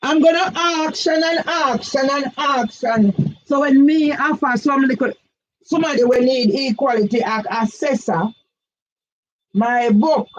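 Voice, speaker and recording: An older woman with a Jamaican accent, a vlogger, delivers an impassioned, agitated monologue for her own channel, repeating herself and occasionally rising into shouts. Her voice is high and a little slow, and the audio is dull and lo-fi.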